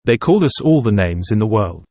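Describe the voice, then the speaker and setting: A man reading the part of a stubborn middle-aged nationalist telling a wry tale at dinner, in a low voice. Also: very animated, brisk, dark tone, no echo.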